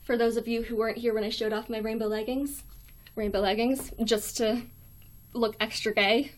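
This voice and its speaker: A woman's voice: on the high side, flat delivery, moderate pace. A young adult woman from the United States with a weak, thin voice, hosting a casual livestream in a hesitant, apologetic way. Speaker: live stream host. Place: small dorm room.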